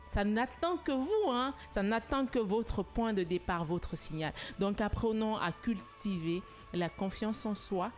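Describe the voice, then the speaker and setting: A woman co-hosting a studio talk show, speaking in an earnest, motivational way and growing animated when telling anecdotes. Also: medium pitch, a little slow, hardly any pauses, soft background music. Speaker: TV show co-host.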